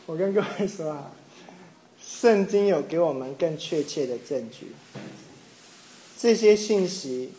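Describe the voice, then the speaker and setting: A middle-aged man from Taiwan preaching a sermon, telling a personal story with animated mimicry of others. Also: on the high side, slight background noise. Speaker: pastor. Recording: echoey room with faint ambience.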